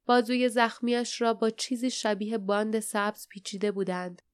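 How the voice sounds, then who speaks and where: Female audiobook narrator; steady measured storytelling, smooth resonant voice, slightly high.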